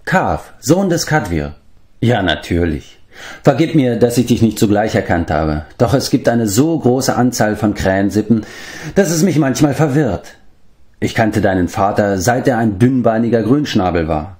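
A man voicing a wise, grave old man who watches over the animals, in a measured, stately storybook manner. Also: on the low side, expressive, a little mellow, natural voice. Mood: kindly.

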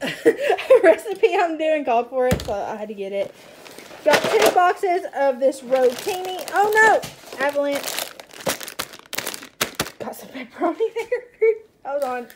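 A young woman talks through her groceries in a high, bubbly voice, full of happy asides and little jokes at her own expense. She films on her phone at home. Plastic bags crinkle and rustle loudly behind her words. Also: a little slow, pauses often, noisy background. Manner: chatty, excitable, self-mocking asides. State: out of breath. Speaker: stay-at-home mom vlogger. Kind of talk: casual grocery haul chat. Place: home kitchen.

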